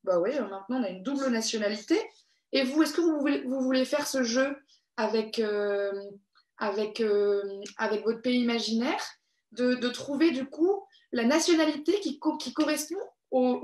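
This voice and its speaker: A woman's voice: fairly high pitch, a little mellow. Cheerful woman hosting a children's workshop. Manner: cheerful and encouraging, reads out viewers' comments. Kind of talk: live online craft workshop. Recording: echoey room.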